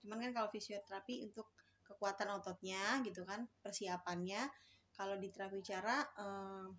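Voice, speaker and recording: A woman's voice: medium pitch, steady tone, a little fast, a bit bright. A woman speech therapist, a guest on an interview show, explaining her work in a casual, hesitant way with many fillers and restarts.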